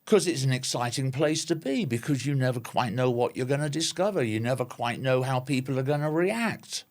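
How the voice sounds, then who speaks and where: A man's voice: medium pitch, lively intonation, fairly quick. A man with an English accent, a podcast guest, talking in a jokey way with hesitations and repeated words. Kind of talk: conversational interview.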